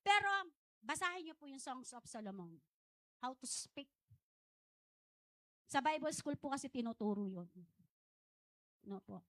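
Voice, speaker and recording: Speaking in a high, sing-song voice, this middle-aged Filipina pastor takes her time, leaving long pauses in a digressive, chatty sermon. She fills it with asides and frequently laughs at her own remarks. No echo is audible.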